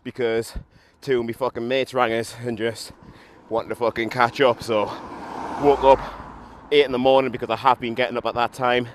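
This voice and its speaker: Walking along a street, a young podcaster talks casually to the camera he's holding, hungover and a little drunk still after a run. His mid-range voice barely moves in pitch and keeps a moderate pace while he swears bluntly and makes fun of himself. Traffic clutters the outdoor recording.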